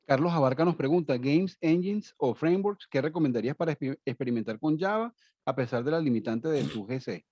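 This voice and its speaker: Guy reading out questions fast, muffled dry sound, kinda high voice. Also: lively intonation, darkish tone, no echo. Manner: brisk, reads names and questions. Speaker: moderator reading audience questions.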